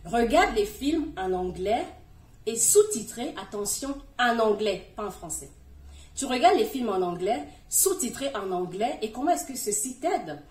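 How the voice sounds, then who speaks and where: A woman's voice: a little high, big pitch swings, a little slow, a little mellow. A woman hosting a casual advice video, chatting directly to the viewer as she gives learning tips. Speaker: video host giving language tips. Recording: echoey room, voice from a distance.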